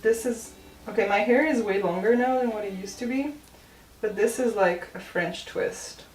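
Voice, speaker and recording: A woman's voice: medium pitch, normal speed, a little mellow, a little hiss or hum, rough recording. Chatty young woman co-hosting a casual chat. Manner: chatty, laughs often, trails off mid-sentence. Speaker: co-host.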